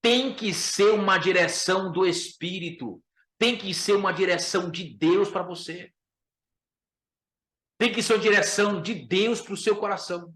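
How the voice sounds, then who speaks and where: A man's voice: high-pitched, moderate pace, fairly bright tone. A man with a Brazilian Portuguese accent, teaching a Bible lesson as a pastor, emphatic, repeating his key phrases and calling listeners brother. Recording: echoey room.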